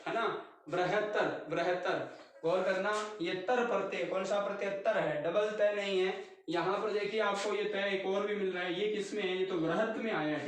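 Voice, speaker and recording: High-voiced man teaching Hindi grammar. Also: slight background noise. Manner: repetitive, drills each word with quiz questions to students. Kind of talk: classroom grammar lesson. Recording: very echoey room, mic far off.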